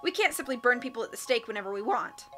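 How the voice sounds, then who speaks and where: A woman voicing pompous, bloodthirsty village elders who call out loudly and self-righteously in a storybook reading. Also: on the high side, lively intonation, quick pace, soft background music.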